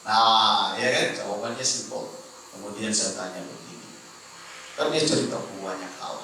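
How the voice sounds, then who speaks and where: A man preaching a sermon, telling a lively anecdote and speaking directly to the congregation. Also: fairly low pitch, moderate pace, slight background noise. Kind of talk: storytelling sermon. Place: church hall. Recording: echoey church hall, mic from far off.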